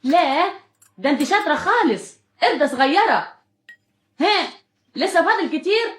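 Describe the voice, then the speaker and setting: A woman's voice: very high voice, sing-song, moderate pace, fairly bright tone, exaggerated voice. An actress playing an anxious young mother who fears for her daughter, speaking with an Egyptian Arabic accent in an old film drama. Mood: gentle. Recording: roomy old film soundtrack.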